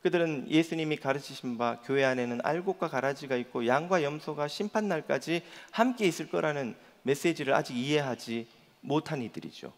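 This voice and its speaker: A man's voice: a little high, brisk. A male pastor preaching a Sunday sermon in earnest, putting rhetorical questions to the congregation. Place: church sanctuary. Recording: long church reverb.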